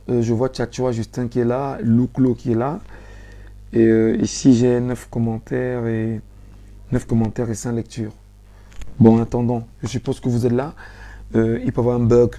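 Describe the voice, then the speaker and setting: A man with a Cameroonian French accent hosting a live stream, speaking softly but insistently, repeating phrases as he pleads with viewers. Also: mid-range voice, flat delivery, normal speed. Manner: mostly soft-spoken, swelling to urgency.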